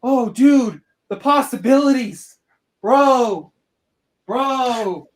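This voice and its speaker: An excitable man talks with real enthusiasm on a casual podcast, leaning on "dude" and "bro" as he piles one idea onto the next. He speaks from home in an easy, everyday voice. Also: very high-pitched, very slow. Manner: eager, animated, says "bro" and "dude" a lot. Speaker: podcast co-host.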